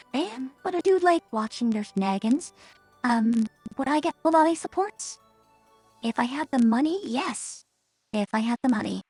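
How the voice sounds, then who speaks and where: A woman's voice: sits high, creaky, darkish tone, slightly rough. Woman streaming through a staticky voice changer. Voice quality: staticky, cuts out. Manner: rambling, hesitant with many fillers. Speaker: VTuber streamer. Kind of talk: casual stream chat.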